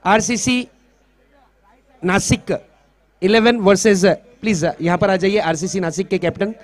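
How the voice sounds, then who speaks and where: A man making loud, repeated public announcements over a loudspeaker PA system at an outdoor cricket ground. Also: high-pitched, steady tone, unhurried. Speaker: tournament announcer.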